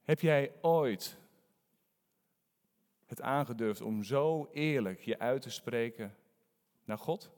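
A man preaching a sermon in a conversational, animated storytelling manner. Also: mid-range voice, slow, long pauses, in a large hall.

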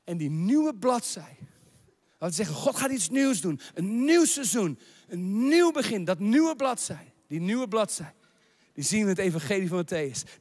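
Male preacher, high voice, impassioned sermon with shouted peaks, echoing church hall. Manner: rising to shouted proclamations, mixing in English phrases.

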